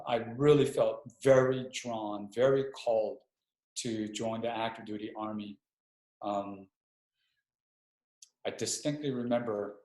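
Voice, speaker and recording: A middle-aged man from Hawaii, an Army chaplain speaking as a guest in a webinar interview, reflective and a little hesitant, often restarting his sentences. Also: fairly low pitch. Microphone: video call. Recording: roomy echo.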